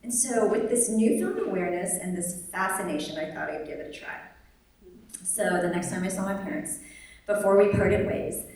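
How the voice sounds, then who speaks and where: Young woman storyteller at a live event, dry humor, animated impressions; distant mic, very roomy hall. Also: mid-range voice, normal speed. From born in Vietnam, raised in the United States. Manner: wry and humorous, animated, lively quoted voices. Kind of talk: live personal storytelling on stage. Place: large echoey venue at a live event.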